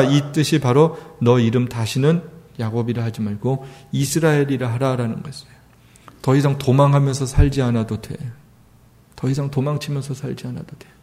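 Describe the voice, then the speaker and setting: A man's voice: medium pitch, darkish tone. A man preaching a sermon, asking rhetorical questions and acting out quoted lines in an earnest, emphatic way. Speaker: pastor.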